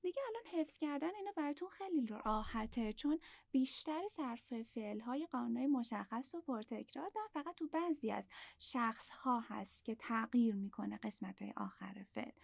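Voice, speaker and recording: A woman teaching a language lesson, explaining patiently step by step and repeating words slowly. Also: on the high side, creaky, no echo.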